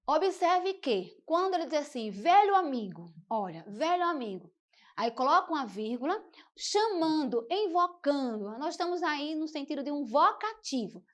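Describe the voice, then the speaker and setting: A woman's voice: high voice, sing-song, normal speed, a bit bright. A woman teacher giving a televised school lesson, explaining step by step and often saying "então" and "né". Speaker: Portuguese teacher.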